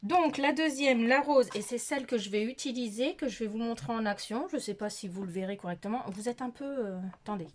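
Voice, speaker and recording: A woman's voice: on the high side, fairly quick, hardly any pauses. A middle-aged woman chatting casually through a makeup tutorial in her bedroom, filmed on a phone, hesitant and full of fillers, laughing at herself. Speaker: beauty vlogger. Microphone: phone camera.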